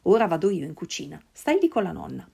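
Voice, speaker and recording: A woman's voice: lowish voice, very animated, fast, gravelly, mellow, husky, full character voice. A woman voicing a suspicious, possessive little old woman in a storybook reading, curt in manner.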